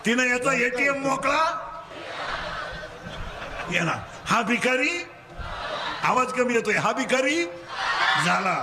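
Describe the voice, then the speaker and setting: A man with a Marathi accent preaching a comic kirtan sermon, teasing the audience and making them shout answers back. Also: very high voice, lively intonation, background noise. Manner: rapid call-and-response, drilling the crowd to answer; teasing, scolding schoolboys.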